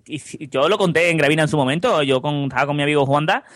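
A man with an Andalusian accent tells a casual, rambling story, tagging nearly every phrase with a quick question. His voice sits high for a man. The recording is dry and close. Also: a bit bright, no room sound. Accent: Andalusian Spanish. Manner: rambling, keeps adding "¿no?". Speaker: podcast co-host.

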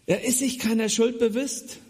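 A man teaching on a Bible passage in a conversational style, speaking straight to his listeners with wry asides, his voice rising for emphasis and dropping low and quiet at times. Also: fairly even intonation, moderate pace. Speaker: preacher.

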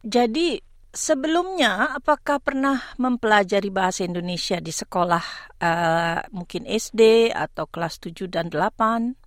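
A woman hosting a radio interview conversationally, putting her questions in an unhurried way and often rephrasing them. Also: medium pitch, expressive, dry recording, clean studio sound.

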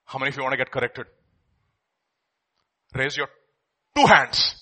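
A man's voice: medium pitch, expressive, moderate pace, bright, forceful tone. A middle-aged man with an Indian accent preaching an impassioned sermon, with emphatic repetition and rhetorical questions. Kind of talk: impassioned sermon with scripture quotes and questions to congregation.

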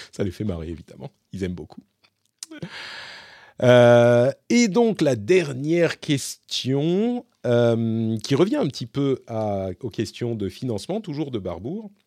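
A man's voice: mid-range voice, big pitch swings, a little slow, dark tone, dry recording, studio quality. A middle-aged man hosting a podcast, casually answering listener questions with lots of hesitations and restarts. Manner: chatty and self-deprecating. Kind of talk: casual unscripted Q&A monologue.

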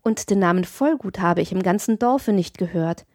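A woman's voice: mid-range voice, moderate pace, a little mellow, no echo, studio quality, close to an everyday voice. A woman voicing a cheerful young male painter on foot, speaking in a friendly, teasing, earnest way in her own voice.

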